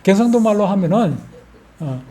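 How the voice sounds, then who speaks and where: Folksy Gyeongsang pastor preaching. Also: male voice, high voice, expressive, normal speed, mellow. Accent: Gyeongsang Korean. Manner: folksy, asks the congregation questions. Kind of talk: sermon.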